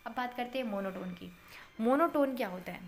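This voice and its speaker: A woman teaching a physics class, explaining in Hindi, checking in with her students and reading English textbook lines slowly. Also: a little high, a little hiss or hum. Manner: addresses students as beta, checks with "है ना".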